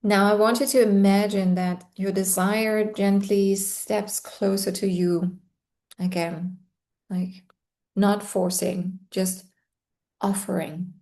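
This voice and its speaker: A woman guides a meditation in a soft, soothing way. Her voice is warm and mellow, and her pitch barely moves. She talks very slowly and leaves long pauses between phrases. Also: level tone.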